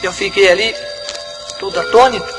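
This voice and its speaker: A man's voice: sits high, normal speed, low-quality recording. A man with a Brazilian Portuguese accent, a pastor giving a dramatic testimony in church, retelling events with much repetition. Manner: dramatic storytelling, repeats his phrases. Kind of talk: testimony preached from the pulpit. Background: music playing under the speech.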